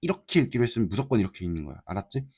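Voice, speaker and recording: A man's voice: lowish voice, very animated, racing, creaky, warm tone, slightly rough, no echo, clean studio sound. A man teaching an exam-prep English lesson in casual Korean, reading English lines with a Korean accent and checking in with his students. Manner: talks to students, checks in with frequent tag questions; mixes Korean explanation with read-out English lines.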